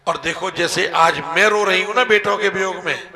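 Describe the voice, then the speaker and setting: A man's voice: sits high, normal speed, a crowd in the background. A man voicing a grieving queen who pleads tenderly for her sons' killer to be spared. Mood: pleading.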